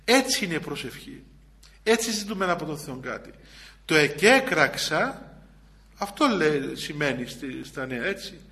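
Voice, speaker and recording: A male Orthodox priest giving a sermon in a high voice. His tone is bright and ringing. He talks plainly, circling back over the same phrases with small hesitations. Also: expressive. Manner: repeats phrases for emphasis, with frequent hesitations and restarts; chants psalm verses in an older liturgical register. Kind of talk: spiritual sermon.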